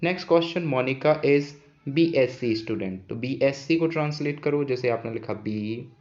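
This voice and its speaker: In a mid-range, somewhat dark voice with expressive delivery and moderate pace, a man patiently explains English grammar. He frequently restates key ideas as questions for the class. The recording has a dull, lo-fi quality.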